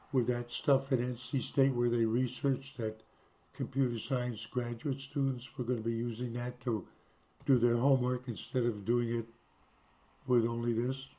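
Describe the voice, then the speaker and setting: A man with a hoarse voice from being sick, chatting casually and reading news aloud with wry asides. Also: mid-range voice, warm tone. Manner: chatty, wry asides, slows down to read quotes. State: hoarse from illness. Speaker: vlogger.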